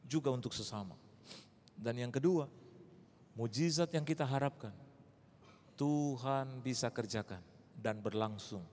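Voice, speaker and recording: A male pastor from Indonesia preaching a storytelling sermon, animated, with casual slang and shouted exclamations. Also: mid-range voice, slight background noise. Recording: long reverb of a large hall.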